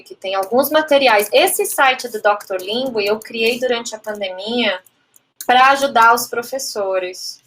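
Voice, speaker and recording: Brazilian woman teacher, bright higher voice, chatty live talk answering chat questions, peppers speech with tag questions and English terms. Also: a little hiss or hum. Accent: Brazilian Portuguese. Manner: chatty, frequent "né?" tags, mixes in English terms. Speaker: English and Spanish teacher, phonetics lecturer.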